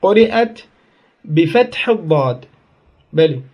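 A man teaches a grammar class in a somewhat high voice. He asks his own questions and answers them, working through each point in order. He often tells his students to take note and write it down. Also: expressive, a little slow, muffled recording. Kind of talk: Arabic grammar lesson.

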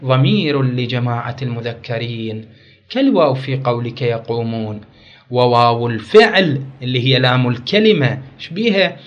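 A man's voice: medium pitch, lively intonation, moderate pace. A man teaching an Arabic grammar lesson, repeating key words and quizzing his class with questions. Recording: dull lo-fi recording.

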